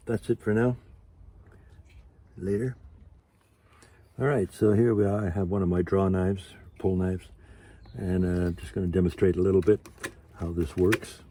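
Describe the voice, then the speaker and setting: A man in his sixties with a very low voice talks through a hands-on demonstration in an informal vlog style. He explains things in an unhurried, halting manner and drifts into asides. There is clear background noise around him, as in an outdoor canopy workshop. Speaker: ventriloquist and puppet carver. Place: outdoor canopy tent used as carving workshop.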